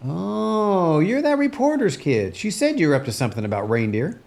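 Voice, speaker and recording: An actor playing a kindly, plain-spoken country rancher in a family drama, talking in a folksy old-prospector way. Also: male voice, fairly high pitch, big pitch swings, normal speed, gravelly, a little mellow. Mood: friendly, curious. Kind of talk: acted family film dialogue.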